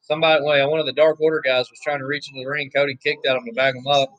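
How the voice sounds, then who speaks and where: A hoarse man, giving laid-back, chatty play-by-play commentary on a wrestling match, with offhand asides. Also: medium pitch, little pitch movement, very fast, a bit bright, no room sound, highs cut off. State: hoarse, losing his voice. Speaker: wrestling watch-along commentator.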